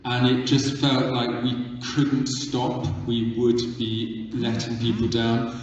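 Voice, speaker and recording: A man's voice: mid-range voice, completely flat delivery. Man in an echoey hall, far from mic. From Uganda. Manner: earnest, measured, repeats words for emphasis. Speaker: filmmaker. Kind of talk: panel discussion answers. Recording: distant mic, echoey hall, dull sound.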